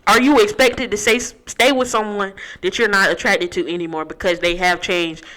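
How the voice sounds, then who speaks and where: A woman's voice: medium pitch, fairly even intonation, normal speed, a bit bright, rough recording. A young American woman co-hosting a podcast, pressing hypothetical questions in a slangy, profane, argumentative style. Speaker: podcast co-host. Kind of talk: casual group debate.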